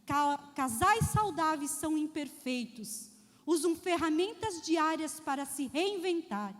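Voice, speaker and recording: A woman pastor giving a lively sermon. She speaks straight to the congregation and acts out the voices in her stories. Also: high voice, unhurried. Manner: addresses the congregation directly. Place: church. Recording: long church hall reverb.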